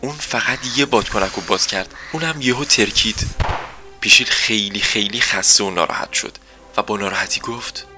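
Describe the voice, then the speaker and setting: A man narrating a children's story in a gentle storytelling manner. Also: on the low side, over music.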